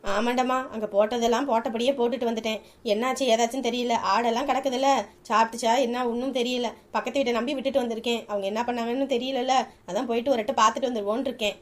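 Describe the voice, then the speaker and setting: A woman's voice: fairly high pitch, steady tone, racing, background noise, natural voice. A woman playing an elderly village grandmother who is tender and fussy, coaxing and soothing in a comedy skit. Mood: worried. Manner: soothing, coaxing, repeats sarikka.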